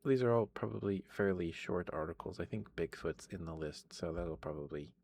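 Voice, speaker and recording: Low, creaky soft-spoken ASMR man. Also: normal speed. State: tired voice, worn out from streaming. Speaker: ASMR host reading aloud.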